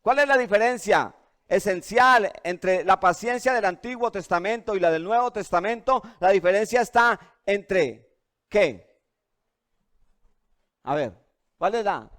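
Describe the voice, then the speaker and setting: A pastor delivers a sermon in a high-pitched voice. He keeps turning to his listeners with questions and checks that they follow along. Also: unhurried. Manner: animated and questioning, asks the audience often.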